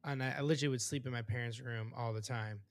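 A man with a mid-range voice hosts a podcast in a casual, relaxed way. He talks loosely, with fillers, as he recalls things from his childhood. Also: mid-range voice, fast. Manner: relaxed, reacts with short interjections. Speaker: podcast host. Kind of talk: casual chat.

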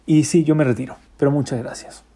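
A man's voice: on the high side, steady tone, fast, dark tone, husky. A man quoting a worn-out old bus driver. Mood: weary resolve. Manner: tired, resigned. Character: weary older male bus driver, worn out.

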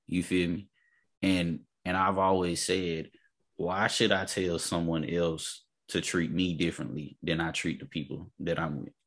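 A man's voice: sits low, little pitch movement, a little slow, fairly bright tone. A man in a casual, opinionated discussion, speaking emphatically, repeating his points and checking that the listener follows.

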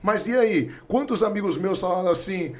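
A Brazilian man in his thirties in casual conversation, telling lively stories about his family. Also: high-pitched. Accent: Brazilian Portuguese. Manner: fast, animated storyteller.

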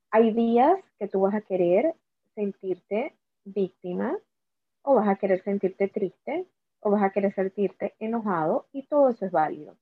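A woman's voice: mid-range voice, dry recording. Woman, Panamanian accent, earnest, repeats herself, dry, tinny phone-like audio. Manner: earnest, repeats words often. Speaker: cancer survivor guest. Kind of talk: conversational talk.

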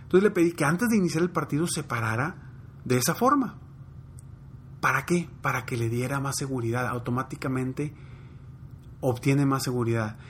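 A man's voice: mid-range voice, normal speed, pauses often, a little hiss or hum. Mexican man giving a motivational talk. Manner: conversational, tells personal anecdotes, addresses listener directly. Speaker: motivational speaker.

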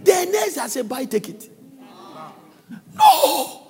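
High, singsong preacher with a gravelly voice. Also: male voice, huge pitch swings, slow, big-room sound. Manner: singsong, shouting, laughing preaching. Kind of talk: sermon.

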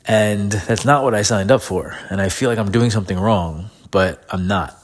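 A man's voice: fairly low pitch, normal speed. A middle-aged man with a grating voice from a head cold and sore throat, casually ranting in an informal, frustrated way as a solo podcast host. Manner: informal, frustrated complaining with swearing. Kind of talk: casual solo rant, diary-like.

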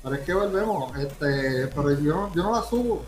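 A man's voice: on the high side, expressive, moderate pace. A man with a Puerto Rican accent in a casual podcast debate, argumentative and insistent, often repeating himself. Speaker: podcast panelist. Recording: roomy echo, music behind.

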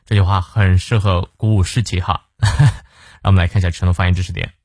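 A man hosting a morning English lesson in a chatty manner, reading phrases slowly and carefully and explaining pronunciation. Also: deep voice, level tone, darkish tone, no echo, clean studio sound. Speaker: English teacher and host.

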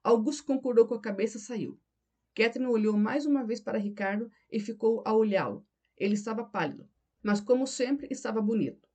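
A woman narrating a novel in a steady audiobook delivery. Her voice sits fairly high yet sounds mellow and warm, never bright. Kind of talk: scripted narration.

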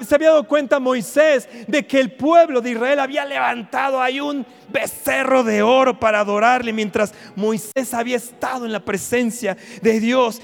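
High-voiced fervent preacher in a hall. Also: male voice, gravelly. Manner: fervent, repetitive, bursts into shouting. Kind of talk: fervent sermon. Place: large hall at a conference. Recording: reverberant hall with background music.

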